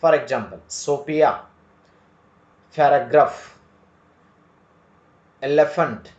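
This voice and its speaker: Slow, deliberate male English tutor with a Kannada accent. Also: on the high side, darkish tone. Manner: slow, deliberate, repeats each word, mixes English and Kannada. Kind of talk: slow spoken English lesson. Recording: echoey room, dull lo-fi sound.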